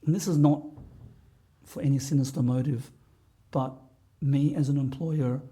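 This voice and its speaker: A man speaking as a podcast guest, earnest and halting, often restarting his sentences. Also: mid-range voice, fairly even intonation, mellow, husky. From Australia. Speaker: podcast guest, business owner. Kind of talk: candid interview talk.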